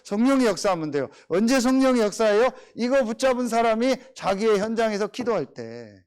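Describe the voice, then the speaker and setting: A man's voice: high-pitched, brisk, clean tone. A middle-aged male pastor preaching a sermon, telling everyday stories and repeatedly firing rhetorical questions at the congregation. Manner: animated, rhetorical questions, storytelling.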